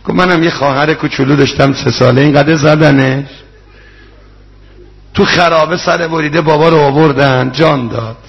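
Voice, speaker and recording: A man preaching a sermon, telling stories with emotional quoted dialogue. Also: on the high side. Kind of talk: religious sermon with storytelling. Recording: dull lo-fi recording.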